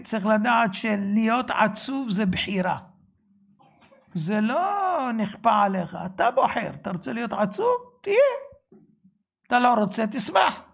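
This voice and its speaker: Fervent religious teacher, male, gravelly voice, keeps asking the listener questions and suddenly raises his voice. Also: very high voice. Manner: fervent, rhetorical questions, sudden shouted bursts. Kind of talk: Torah sermon.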